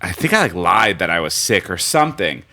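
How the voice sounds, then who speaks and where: A man in his twenties chatting on a podcast, telling stories with lots of swearing and jumping up in pitch when he quotes people. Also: fairly quick. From United States. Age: 20s. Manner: animated storyteller, swears often, voice leaps up when acting out quotes. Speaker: podcast co-host. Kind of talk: casual podcast chat.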